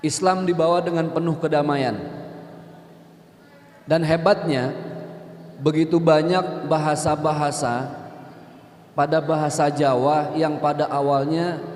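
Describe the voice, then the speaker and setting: A man's voice: on the high side, steady tone, measured pace, pauses often, darkish tone. A man preaching to a congregation in a chatty way, joking with the crowd and asking them questions. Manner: chatty, jokes with the audience, asks them questions. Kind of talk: lively religious talk to a congregation. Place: gathering hall. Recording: echoey hall with long reverb.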